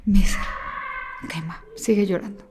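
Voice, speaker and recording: A woman guest telling an emotional personal story, acting out the voices of the people in it and sometimes rushing through in fast bursts. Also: mid-range voice, noisy background. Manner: animated, acts out quoted dialogue. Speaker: interview guest.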